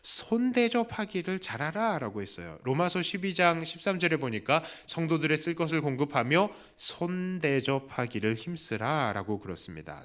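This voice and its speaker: Man, pastor, sermon, fairly high voice, very animated pitch, questions to the congregation. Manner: lively preaching with questions to the congregation; acts out quoted voices with raised pitch. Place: church.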